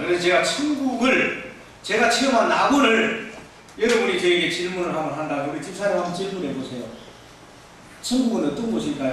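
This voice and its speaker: A male pastor giving a fervent revival-meeting testimony, shouting out exclamations. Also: high-pitched, a little hiss or hum. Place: church hall. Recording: echoey church hall, from far off.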